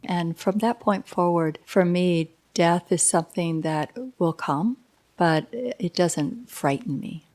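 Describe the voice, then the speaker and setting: A woman in her sixties, a yoga instructor and life coach, giving a slow, reflective and candid interview in a yoga studio. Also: lowish voice. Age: 60s. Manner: slow, thoughtful, warmly candid.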